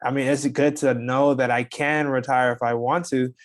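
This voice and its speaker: Flat-voiced young man from the Bahamas. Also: medium pitch, moderate pace. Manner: easygoing, agreeable, many "you know"s. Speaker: guest, real estate investor. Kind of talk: casual video interview.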